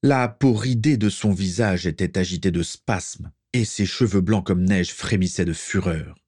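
A man narrating a story aloud in a steady, measured way. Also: low-pitched, husky, no echo, studio quality. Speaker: reader. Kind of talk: audiobook narration.

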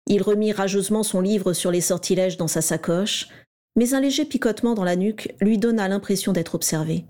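Mellow-voiced woman reading a story. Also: medium pitch, a little fast. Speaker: narrator. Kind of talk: scripted story narration.

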